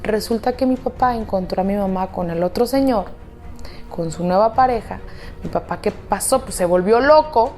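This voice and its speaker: A woman's voice: mid-range voice, normal speed, mellow, soft background music. A woman with a Mexican accent telling a dramatic personal story in a confiding, sisterly way. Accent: Mexican Spanish. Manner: confiding, dramatic, addresses listener as "hermana". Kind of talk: storytime narration over slime video.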